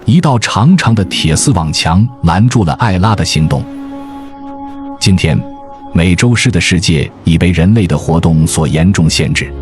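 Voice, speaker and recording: A man reading a scripted nature documentary narration in a measured, storytelling way, as the narrator. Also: low-pitched, lively intonation. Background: music.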